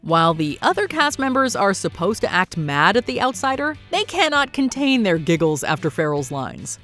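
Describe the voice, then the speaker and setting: A woman narrates a scripted countdown video in a medium-pitched voice. Faint music plays behind her throughout. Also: sing-song, normal speed, a bit bright. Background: background music.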